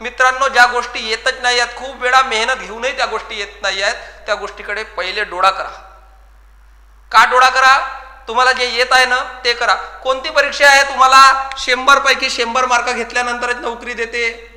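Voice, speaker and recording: A coaching class teacher talks earnestly to exam students. His voice sits very high and sounds sharp and tense. He repeats his points, and the sound rings with long reverb in an echoey room. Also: flat delivery, brisk. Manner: earnest, repetitive, addresses students as friends. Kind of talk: motivational talk to exam students.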